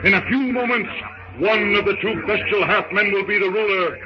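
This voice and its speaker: Here a man whose voice sits high tells a scripted vintage radio drama at an ordinary pace, building suspense in a grand, declaiming style. It comes through a muffled recording thick with noise.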